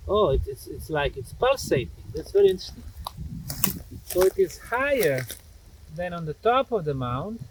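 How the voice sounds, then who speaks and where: Outdoors at a grassy mound, a man who presents and researches speaks to camera, slow and fairly high-pitched yet with a darkish tone. Audio quality is poor, and the outdoor recording picks up clear background noise.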